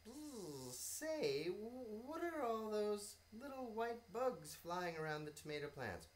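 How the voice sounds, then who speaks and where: A woman voicing a small, hungry, polite bee with a squeaky, excitable voice for children. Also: takes it slowly, slight background noise. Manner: squeaky, excited, shrill when shocked.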